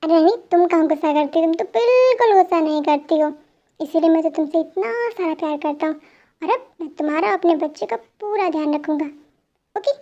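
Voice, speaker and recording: A woman's voice: extremely high pitch, a little fast, warm tone, lo-fi sound. A woman voicing a playful, apologetic young husband who is a police officer, in an amateur fan dub. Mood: coaxing. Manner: coaxing, playful pleading.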